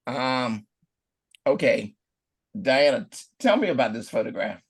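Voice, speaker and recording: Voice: medium pitch, big pitch swings, measured pace, husky. A photo judge who is losing their voice, casually questioning entrants in an easygoing way.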